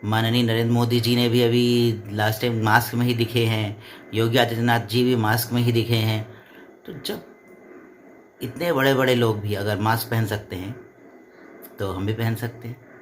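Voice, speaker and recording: Man, mid-pitched, earnest and rambling, casual home vlog chat, faint noise. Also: little pitch movement, normal speed. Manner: rambling, earnest, explains at length with restarts. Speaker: vlogger, co-host. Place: living room at home.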